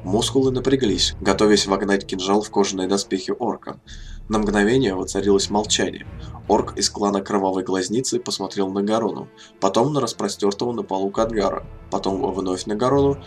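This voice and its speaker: A man with a low voice narrates a fantasy audiobook in a steady, measured way. Faint music plays softly beneath his reading.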